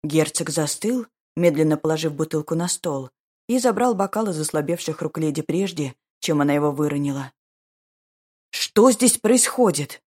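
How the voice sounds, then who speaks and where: A woman narrates an audiobook slowly and expressively. Her voice is low and husky, with a measured delivery. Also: mellow.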